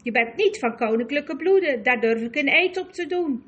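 A woman voicing a towering, imperious queen witch who speaks with loud, commanding contempt in an audiobook. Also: high-pitched, animated, measured pace, lo-fi sound, exaggerated voice. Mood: scornful. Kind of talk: audiobook character voice.

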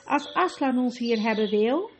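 A woman's voice: a little high, lively intonation. A woman voicing an eager, trusting young girl in an audiobook. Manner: eager, quick to speak up.

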